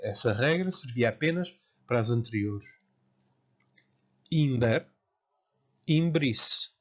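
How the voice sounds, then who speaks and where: A man from Portugal with a European Portuguese accent, giving a careful, slow lecture as a Latin teacher. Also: medium pitch, expressive, a bit bright. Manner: slow, careful, spells out word forms. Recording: dull lo-fi sound.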